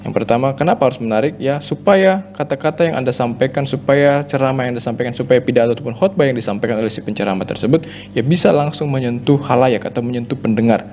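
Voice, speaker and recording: A man's voice: medium pitch, fast talker, a little mellow. A male teacher giving a recorded lesson, explaining point by point with lots of "ya" and "nah" fillers. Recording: dull lo-fi audio with mains hum.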